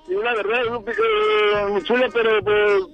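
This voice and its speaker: A man's voice: high voice, flat delivery, measured pace, highs cut off, soft background music. A Guatemalan man in his thirties calling in to a radio show, talking shyly and hesitantly with many fillers. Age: 30s. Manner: shy, hesitant, full of fillers. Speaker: radio caller.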